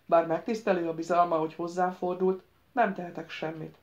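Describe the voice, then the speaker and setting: A woman's voice: lowish voice, flat delivery, a little mellow, dull audio, close to an everyday voice. Woman reading as a stout, commanding mustached official. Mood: firm. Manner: lecturing, deliberate, firm. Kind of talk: audiobook reading.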